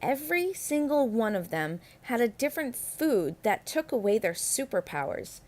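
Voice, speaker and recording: A woman whose voice is a little high reads a picture book for kids at a moderate pace, narrating with expressive, emphatic phrasing that lengthens key words.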